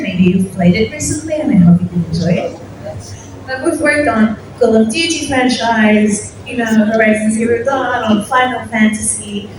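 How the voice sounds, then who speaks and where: A young woman from Morocco giving a casual, self-deprecating conference talk to an audience. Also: a little high. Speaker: conference speaker. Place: large hall at a conference. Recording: echoey hall from far off, noisy.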